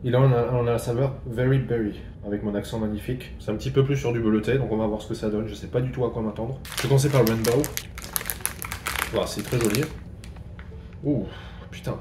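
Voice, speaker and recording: Fast-talking man in a roomy space. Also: mid-range voice, steady tone, noisy background. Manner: chatty, swears casually, thinks aloud while eating. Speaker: vlogger reviewing snacks. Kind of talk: casual food tasting vlog. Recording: roomy echo, faint background ambience.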